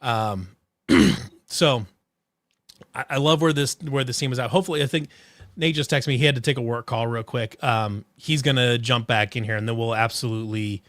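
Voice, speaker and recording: A man hosting a casual sports podcast, rambling through restarts and fillers, excitable and swearing freely. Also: medium pitch, normal speed, no room sound, studio quality. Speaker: podcast host.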